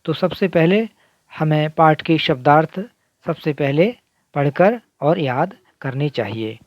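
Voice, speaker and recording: A male teacher gives a recorded lesson at a very slow, deliberate pace, breaking each word into its syllables. His voice sits at an ordinary middle pitch. The recording sounds dull and lo-fi, with a dry, close sound. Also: no echo. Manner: slow, carefully spelling out syllables. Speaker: Sanskrit teacher.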